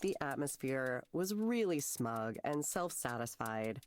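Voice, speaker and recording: A woman voicing an anxious, awkward young woman client in a game read-aloud, nervous and self-deprecating, telling her story in a lively way. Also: extremely low pitch, unhurried, clean tone, pitched below the performer's own voice, heavily acted. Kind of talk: voiced let's play reading.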